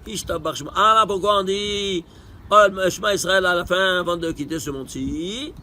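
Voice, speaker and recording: A man teaching a Torah study lesson, posing rhetorical questions and answering them himself, emphatic with sudden bursts and quiet asides. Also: high-pitched, moderate pace, slight background noise.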